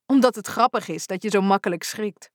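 A woman's voice: mid-range voice, brisk, no echo, close to an everyday voice. A woman doing a joking teen boy, easygoing, dry close sound. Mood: teasing. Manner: joking, laid-back. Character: teasing teenage boy, young uncle.

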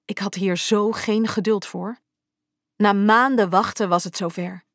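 A woman narrating a first-person romance story in a calm, intimate storytelling manner. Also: medium pitch, measured pace, no room sound, studio quality. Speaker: audiobook narrator.

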